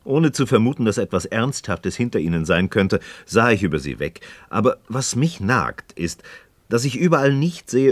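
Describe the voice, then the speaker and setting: In a mid-century German radio play of philosophical dialogue, a male actor with a mid-range voice and no echo plays a disillusioned, impassioned Freemason novice questioning his friend. His delivery is aggrieved, rhetorical and declamatory, full of frustration and yearning.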